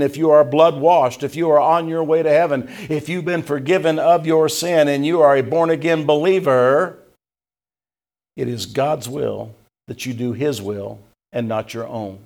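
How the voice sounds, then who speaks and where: Older man, pastor, gravelly voice, sermon, emphatic, loud then hushed, quotes old-fashioned scripture. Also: a little high. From Tennessee, USA.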